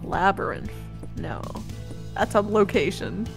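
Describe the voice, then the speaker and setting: A woman chatting casually with a friend during a game stream, rambling, animated and swearing freely. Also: mid-range voice, takes it slowly, gravelly, music in the background. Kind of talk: casual chat.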